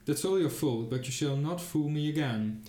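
A man's voice: fairly high pitch, moderate pace, dark tone, natural voice. Guy reading as a greedy thug of a peasant, blunt and threatening, storybook feel, roomy sound. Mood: menacing. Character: greedy, violent grown peasant man.

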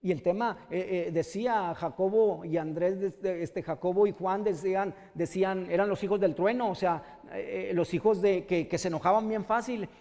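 A man preaching a sermon as pastor, often halting and restarting, then building to loud, impassioned passages. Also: high-pitched, steady tone. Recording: long hall reverb.

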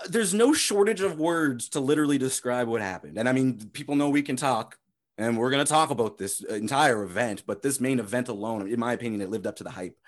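A man hosting a casual sports podcast who rambles in a relaxed way and swears freely. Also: mid-range voice, brisk. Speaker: podcast host.

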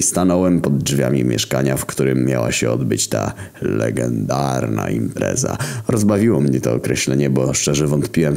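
A man with an extremely deep, gravelly voice narrates a crude first-person tale. His delivery is sardonic and swings lively in pitch, with a dark, heavy tone. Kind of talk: first-person comedy horror storytelling.

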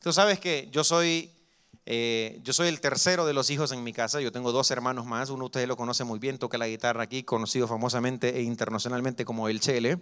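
A young man preaching a sermon as pastor, telling stories lively and acting out the dialogue. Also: mid-range voice, a little fast, clear, resonant tone. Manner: lively storytelling that acts out dialogue.

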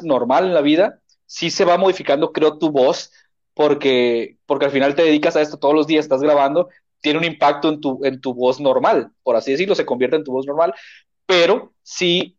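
A man's voice: on the high side, highs cut off. A man hosting a casual talk show, asking long rambling questions. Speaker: host.

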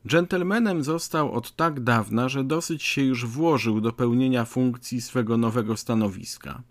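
A man narrating an audiobook in a measured, wryly ironic way. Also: medium pitch, dry recording.

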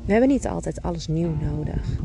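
Woman, thirties, Netherlands Dutch accent, lowish pitch, casual chatty podcast monologue, encouraging, loud music bed behind the voice. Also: animated, fairly quick, gravelly. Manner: encouraging, informal, addresses listener directly. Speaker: podcast host. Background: prominent music.

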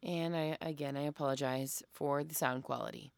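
A woman's voice: low-pitched, steady tone, normal speed, gravelly, dry recording, studio quality. A woman co-hosting a podcast in a casual, self-deprecating, chatty way. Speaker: podcast co-host.

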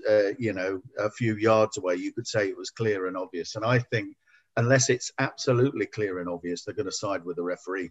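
A man and former player giving measured, hesitant opinions on a football podcast, with frequent ums. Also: fairly low pitch, lo-fi sound.

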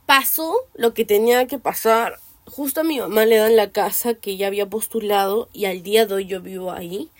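Candid young woman, higher voice. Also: dry recording. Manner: candid and reflective, with frequent fillers and tag questions. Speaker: podcast host. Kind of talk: personal storytelling podcast monologue.

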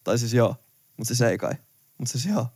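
A young man from Finland, a podcast co-host telling a travel story in casual chat, lively and laughing, with some swearing. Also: mid-range voice, breathy edge, no echo, studio quality.

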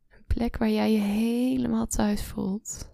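A woman guiding a relaxation meditation, speaking slowly and softly, often in a whisper, close to the mic. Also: a little high, flat delivery, vocal fry, dry recording. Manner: slow soft-spoken, often whispering. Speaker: meditation guide.

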